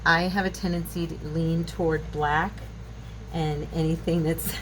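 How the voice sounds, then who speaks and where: Here a craft channel host, a woman in her fifties, rambles and muses at her indoor craft table while walking viewers through a tutorial. She keeps a low, level tone and a measured pace. Noise is plainly audible throughout the home recording.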